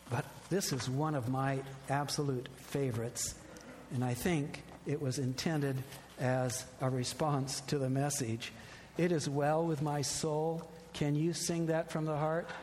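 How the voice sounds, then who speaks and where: A man's voice: on the high side, a little hiss or hum. Man preaching a sermon in a reverberant hall. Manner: earnest, warm preaching with personal stories. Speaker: pastor. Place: church sanctuary.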